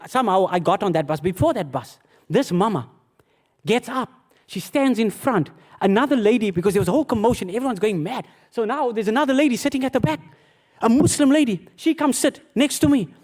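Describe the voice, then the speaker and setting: Addressing his audience as beloved, a very high-pitched male pastor recounts a personal testimony in his sermon, animated and mocking himself.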